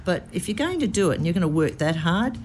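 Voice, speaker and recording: A woman's voice: fairly low pitch, sing-song, quick pace, darkish tone, slight background noise. An Australian woman co-hosting a local radio show, joking and self-deprecating. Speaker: radio co-host. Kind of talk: casual radio chat.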